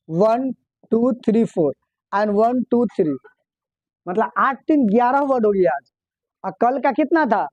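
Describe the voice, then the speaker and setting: A man's voice: very high-pitched, a little mellow, dry recording. A male teacher giving a classroom vocabulary lesson, asking the class questions, repeating the answers and spelling words out letter by letter. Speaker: English teacher. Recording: dull, dry lo-fi recording.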